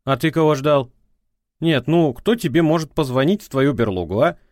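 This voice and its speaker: A man's voice: a little high, expressive, moderate pace, a little mellow, no echo, studio quality, pitched above the performer's own voice, lightly acted. A man voicing a scornful, nagging ex-wife who lectures and mocks in a prosecutorial tone. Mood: mocking.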